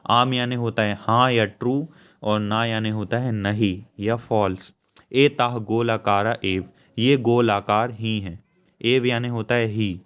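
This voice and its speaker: Smooth-voiced man teaching patiently. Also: fairly low pitch, steady tone, a bit bright. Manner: slow, patient explanation with frequent asides to students. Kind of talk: explaining a lesson.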